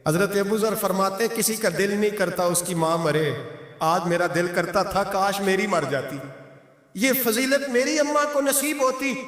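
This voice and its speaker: A man preaching an emotional sermon, telling stories and chanting poetry in a slow, drawn-out sing-song. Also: fairly bright tone. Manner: storytelling with sudden drops in pitch and voice. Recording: echoey hall with long reverb.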